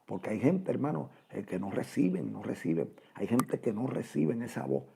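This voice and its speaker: A man's voice: mid-range voice, sing-song, moderate pace, mellow, a little hiss or hum. A man preaching a radio sermon with fervor. He fills his talk with "amén" and "gloria al Señor" and calls his listeners "hermano". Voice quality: gravelly, husky.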